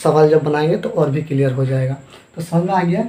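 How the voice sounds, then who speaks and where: A man's voice: a little high, brisk, dark tone. Male math teacher with a Jharkhand Hindi accent, repeats terms and quizzes himself, recorded in a roomy space. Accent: Hindi-speaking eastern India, Jharkhand. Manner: asks questions and answers them himself, repeating terms. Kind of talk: classroom lesson at a board. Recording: echoey room.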